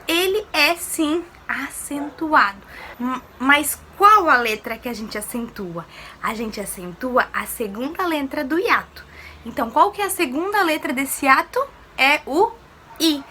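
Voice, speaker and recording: A woman's voice: high voice, sharp tone, a little hiss or hum. A woman teacher giving a recorded lesson to primary pupils, explaining patiently step by step and asking them questions.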